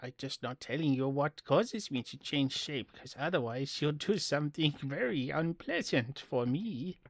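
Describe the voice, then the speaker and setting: A man's voice: fairly high pitch, lively intonation, unhurried, no echo. A man voicing a small, mocking, mischievous shapeshifting spirit in a tabletop game. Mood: smug, mischievous. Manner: taunting.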